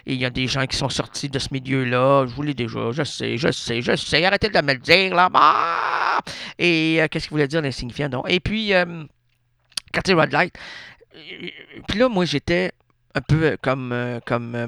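Gravelly Québécois man rambling on radio. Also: mid-range voice, fairly bright tone, dry recording, clean studio sound. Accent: Québécois French. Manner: meandering, self-interrupting, absurd asides. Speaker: radio host. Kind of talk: rambling comic radio monologue. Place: radio studio.

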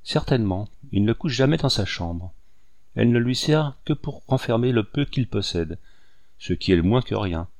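A man playing a naive excitable young woman. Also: lowish voice, normal speed, no echo. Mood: cautioning.

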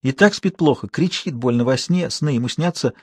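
A man voicing a lively old peasant woman who scolds her husband. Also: medium pitch, normal speed, husky, dry recording, voice pushed up, natural voice.

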